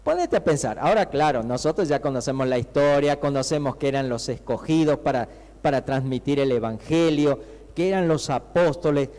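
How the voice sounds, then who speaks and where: A man with an Argentine Spanish accent preaching a sermon as a pastor, talking to the congregation with many rhetorical questions and acting out the shouting disciples. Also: fairly high pitch. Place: church hall. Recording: long reverb of a church hall.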